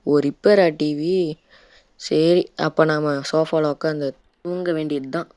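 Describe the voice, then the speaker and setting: A man's voice: fairly high pitch, steady tone, a little slow, a little mellow, clear, resonant tone, no room sound. A Tamil man doing casual let's-play commentary, chatting and playfully scolding a baby in the game. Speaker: gaming YouTuber.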